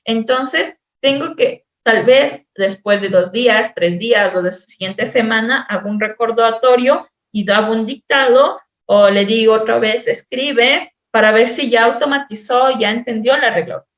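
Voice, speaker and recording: A woman teacher-therapist giving a lecture on spelling intervention, explaining patiently, repeating words and drawing out sounds slowly as examples. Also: fairly high pitch, fairly bright tone. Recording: echoey room, dull lo-fi sound.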